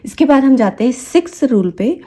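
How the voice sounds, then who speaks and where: A woman with a Hindi accent, teaching English phonics. She says each example word slowly and repeats it several times. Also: sits high, expressive, warm tone, breathy edge. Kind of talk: slow, deliberate teaching with repeated example words.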